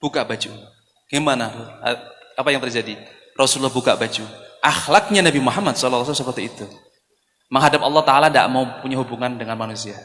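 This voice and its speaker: A man preaching a story-driven sermon. He talks in an animated way and keeps asking the crowd rhetorical questions. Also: medium pitch, rapid-fire. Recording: long hall reverb.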